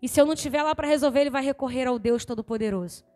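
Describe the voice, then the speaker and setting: A woman pastor, preaching an impassioned sermon to a church, rising to shouts and dropping low. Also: racing, big-room sound, faint music behind. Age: adult with a young son.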